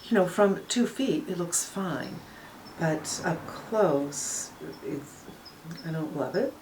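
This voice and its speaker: A woman's voice: lowish voice, expressive, slow, background noise. An older woman narrating a casual makeup tutorial, giving a frank, matter-of-fact review of eyeshadows as she swatches and applies them. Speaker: beauty vlogger.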